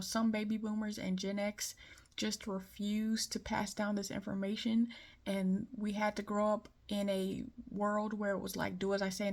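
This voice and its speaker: This Detroit woman, a commentator with a light Southern American accent, delivers a casual, opinionated monologue. Her pitch stays fairly level and a gravelly fry sits under many words, giving her a frank, conversational sound.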